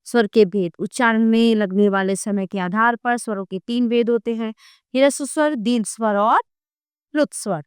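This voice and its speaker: Clear-voiced woman teaching grammar. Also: a little high, normal speed, no room sound, clean studio sound. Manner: reads definitions and lists letters one by one, with asides to students. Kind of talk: grammar lesson read from an ebook.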